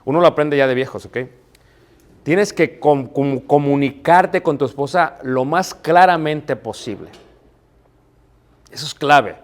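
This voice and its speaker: A man's voice: fairly high pitch, a little slow, long pauses. Emphatic Mexican preacher man. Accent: Mexican Spanish. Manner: emphatic, repeats key phrases, asks rhetorical questions. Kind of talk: sermon on marriage.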